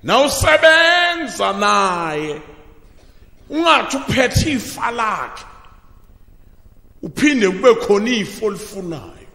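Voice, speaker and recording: A man preaching a sermon into a pulpit microphone, who bursts into shouted emphasis and then drops low. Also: big pitch swings, takes it slowly, gravelly, long pauses. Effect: preaching through a pulpit microphone. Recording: long reverb of a large hall.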